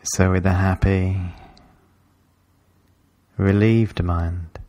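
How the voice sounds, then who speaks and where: A man whose voice sits low leads a guided meditation. His delivery is calm, measured, and instructional, with long silences between phrases.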